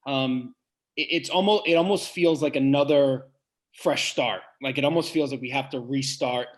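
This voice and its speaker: The man, a head basketball coach with a big voice, responds sincerely to podcast questions while working things out aloud, pausing and starting over. His voice falls in the mid range.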